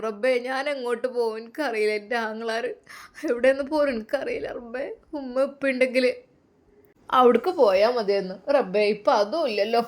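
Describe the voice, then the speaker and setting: A woman's voice: on the high side, close to an everyday voice. A woman voicing an anxious, timid young woman in a dramatized story reading, with a hesitant, pleading way of speaking.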